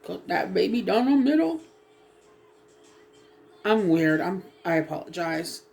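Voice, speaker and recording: A woman with a fairly low, creaky, somewhat mellow voice swings widely in pitch while keeping a measured pace. Doing her hair on a casual dye vlog, she rambles hesitantly with frequent ums and apologies, sounding sniffly and a little froggy from a lingering cough.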